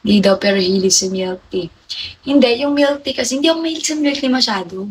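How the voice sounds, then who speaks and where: Expressive and quick, her voice runs on the high side over a rough recording with a bit of hiss or hum. The young host of a casual livestream confides in her viewers and answers their comments, calling each by name.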